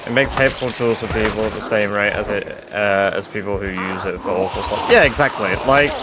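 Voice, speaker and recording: An Englishman from England, his accent carrying some northern English touches, chats loosely with viewers on a live stream, full of fillers and casual swearing. His voice sits on the low side and moves briskly, with heavy background noise behind it.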